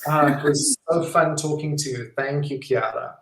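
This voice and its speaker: A documentary filmmaker answering interview questions in a friendly, chatty way, with frequent ums. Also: male voice, a little high, moderate pace, a bit bright. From South Africa. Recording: roomy echo.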